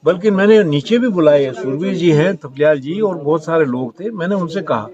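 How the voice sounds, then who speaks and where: A man's voice: on the high side, animated, normal speed. A middle-aged man, a politician, speaking earnestly and repetitively to villagers in an outdoor campaign speech, self-assured in tone. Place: village courtyard in rain. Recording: dull lo-fi outdoor recording with crowd.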